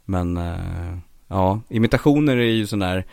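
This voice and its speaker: Lively low-voiced male voice actor. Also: creaky, no room sound, studio quality. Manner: lively storyteller, slips into quoted voices. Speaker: voice actor and impressionist guest. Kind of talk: casual podcast interview.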